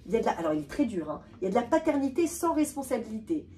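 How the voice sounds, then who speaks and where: A woman giving an animated talk to an audience, often repeating and restarting words. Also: on the high side, racing. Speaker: lecturer. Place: hall with a live audience. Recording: distant voice with faint room noise.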